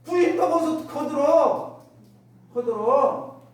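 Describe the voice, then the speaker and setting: Slow and animated, a Won Buddhist minister with a high, darkish voice speaks to her congregation in a worship hall, using rhetorical questions and acting out everyday remarks in other voices. She's recorded from a distance, with echo and a faint noise floor.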